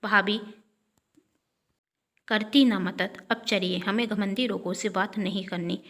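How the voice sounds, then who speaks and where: A spirited young woman from a spoken family story, outspoken and fiercely loyal, coaxing her relatives with bold, affectionate energy, voiced by a woman narrator. Her pitch stays in an ordinary middle range. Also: fairly even intonation, takes it slowly, fairly bright tone. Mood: firm.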